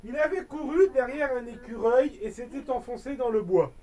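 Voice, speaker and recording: A woman storyteller reading a children's tale with playful asides and dramatic pauses, recorded on a distant mic. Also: a little high, animated, warm tone.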